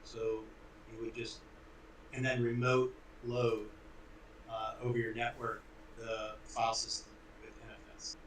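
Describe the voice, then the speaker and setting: A man's voice: mid-range voice, monotone, measured pace, a bit bright. A man speaking as a guest in a casual technical chat, hesitant with many fillers, his mic cutting in and out so the volume keeps dropping. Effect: mic cutting in and out, uneven volume. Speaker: guest on a live call-in stream. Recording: echoey room, far from mic, faint noise.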